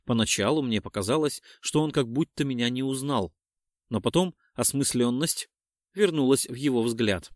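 A male narrator reading a first-person adventure with a lively, wide-ranging pitch that rises and falls with the action. He sits close to the mic in a dry, dead booth, and nothing is heard behind him. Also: normal speed, no room sound. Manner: expressive, dramatic telling. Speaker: audiobook narrator.

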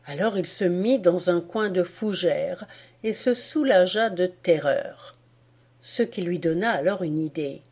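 A woman reading a folk tale aloud as an audiobook, in an expressive storytelling manner. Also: lowish voice, unhurried, breathy edge. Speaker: audiobook reader. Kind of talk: storytelling narration.

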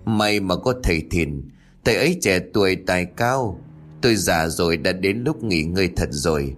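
A man's voice: low voice, expressive, normal speed, faint music behind. A man voicing an old village fortune-teller who mutters in bewilderment and blames himself. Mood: self-reproaching. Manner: muttering, bewildered and self-reproaching.

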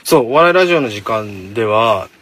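Fast-talking man with a husky low voice. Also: lively intonation, fairly bright tone. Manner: fast-talking, chatty, mock-scolding listeners. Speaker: radio show host. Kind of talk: casual solo talk show streamed from a phone. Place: inside a parked car. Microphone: phone held in hand.

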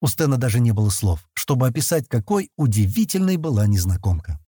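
A male audiobook narrator with a mellow, slightly husky voice and a lively, animated melody. He tells the story in a calm, expressive way, close to a dry mic. The sound is intimate and dry, with no room echo. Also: medium pitch, brisk. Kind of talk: audiobook reading.

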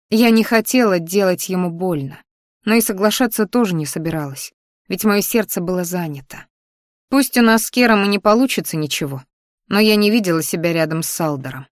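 A woman reading a romantic fantasy audiobook in the first person, at an even, measured pace. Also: mid-range voice, dry recording, clean studio sound. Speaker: audiobook narrator.

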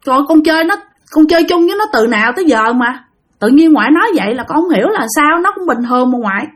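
A woman's voice: sits high, lively intonation, fast talker, pitched above the performer's own voice. A woman voicing a confused young man questioning his grandmother. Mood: baffled. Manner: baffled protesting. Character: puzzled young man defending his friend.

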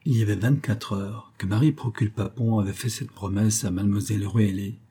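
A man narrating a classic novel as an audiobook in a measured, even reading. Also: lowish voice, breathy edge.

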